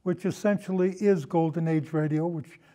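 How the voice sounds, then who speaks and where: Here an older man, a guest who is an amateur historian and hosts an old time radio podcast, looks back on the past in easygoing talk. He falters and slips into side stories. The voice is highish with a steady, dark tone at normal speed.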